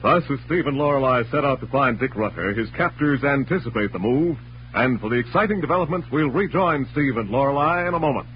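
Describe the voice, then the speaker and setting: An American man announces in a polished, emphatic 1940s scripted radio style, delivering narration and a sponsor pitch. His medium-pitched voice is expressive and brisk, heard through a muffled, noisy old radio recording with hum.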